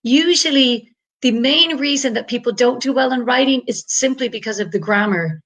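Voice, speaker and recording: Her voice sits a little high, with a fairly bright tone and a moderate pace. She is an Irish woman who tutors English, joining an online panel by video call and talking in an upbeat, chatty style peppered with fillers.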